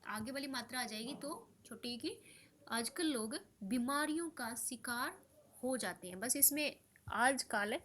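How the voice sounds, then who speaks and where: A woman's voice: on the high side, unhurried, fairly bright tone, a little hiss or hum. A young woman teaching Hindi spelling, patiently repeating each word as she explains a practice paper, sleepy late at night and mixing in English words. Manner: mixes in English words and phrases.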